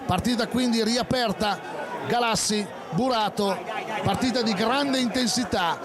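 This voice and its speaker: A man giving excited, breathless live football commentary as the play-by-play commentator. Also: high voice, a little slow. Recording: loud stadium crowd behind. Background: outdoor stadium crowd.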